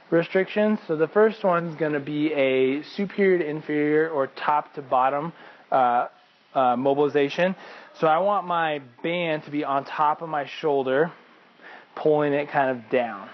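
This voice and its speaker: A man's voice: a little high, muffled recording, slight background noise. Man coaching banded shoulder stretches. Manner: casual, explains while demonstrating stretches. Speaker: fitness coach. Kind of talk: instructional demonstration.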